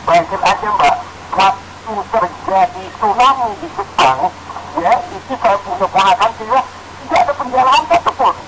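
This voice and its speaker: A man from Indonesia speaks spontaneously as a radio caller. He is emphatic and admiring in his delivery. The phone recording is full of loud noise. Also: high-pitched, lively intonation, normal speed. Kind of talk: spontaneous call-in opinion. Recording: very noisy telephone call.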